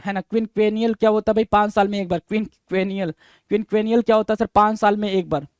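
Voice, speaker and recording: A male exam-prep teacher speaks in a fairly high voice, reading each definition slowly and then drilling the answer word over and over. He spells words letter by letter and keeps calling his students "bhai". The sound is dry and close, with no room echo. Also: a little mellow, smooth. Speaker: vocabulary teacher. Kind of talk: exam-prep vocabulary lesson.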